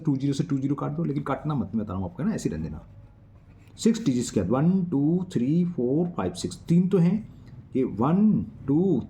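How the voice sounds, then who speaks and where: A man's voice: on the high side, dark tone. A man teaching a maths exercise to children, patiently counting digits aloud and checking that they follow.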